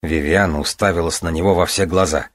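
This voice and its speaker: A man narrating an audiobook in an even, measured reading. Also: low voice.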